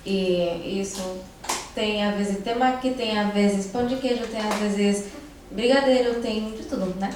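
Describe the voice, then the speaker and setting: Heard from well away from the microphone, this teenage Brazilian girl chats loosely as a panel speaker, stalling often and filling gaps with "um"s. Her mid-range voice bounces around a large, echoey hall, with background noise in the mix.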